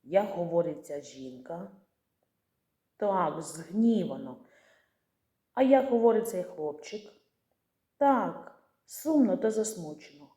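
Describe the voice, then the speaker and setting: Soft mellow lady teacher talking to little kids, patient, asks stuff then answers, roomy echo. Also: on the low side, lively intonation, slow pace, pauses often. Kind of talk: scripted lesson for young children.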